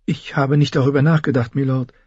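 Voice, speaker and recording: Frightened young noble girl, voiced by a male reader: raised pitch, soft, hesitant, pleading; dry audiobook. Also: level tone, a little fast, husky, dry recording, dull audio, lightly acted. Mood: timid, pleading.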